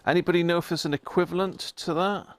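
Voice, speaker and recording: A man hosts a casual hobby livestream from an electronics bench, chatting in a matey way and muttering to himself as he works. He talks fast, with a high voice and a steady tone.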